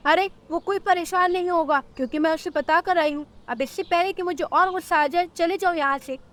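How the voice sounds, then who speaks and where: A woman's voice: very high-pitched, a little fast, pitched above the performer's own voice. A woman voicing a grumpy old female bird, a nagging mother-in-law who scolds and complains, in a cartoon story. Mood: scolding. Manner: scolding, complaining, sharp-tongued.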